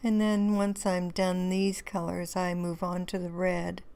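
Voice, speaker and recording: A hoarse woman, rambling through a relaxed crafting tutorial voice-over with many fillers and restarts. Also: lowish voice, a little slow. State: hoarse, losing her voice. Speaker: craft video host.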